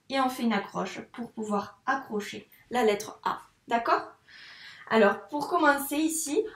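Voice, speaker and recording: Woman teacher, slow clear handwriting lesson. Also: fairly high pitch, reverberant. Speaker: first-grade teacher.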